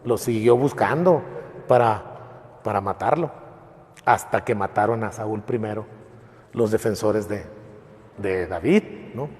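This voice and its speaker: A man's voice: lowish voice, unhurried, long pauses, darkish tone. A priest retelling Bible stories in a colloquial, storytelling way, often checking in with his listeners. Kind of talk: informal Bible teaching. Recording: long reverb of a large hall.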